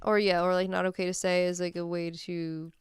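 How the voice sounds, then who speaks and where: A woman's voice: on the low side, little pitch movement, a little fast, clean tone, dry recording. A woman co-hosting a podcast in casual chat, talking in a rambling way and laughing often. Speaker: podcast co-host. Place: Massachusetts.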